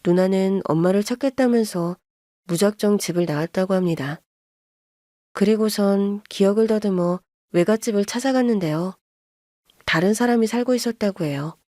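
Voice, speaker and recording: A woman telling a drama story in scripted narration with a calm, even manner. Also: medium pitch, moderate pace, no room sound, studio quality.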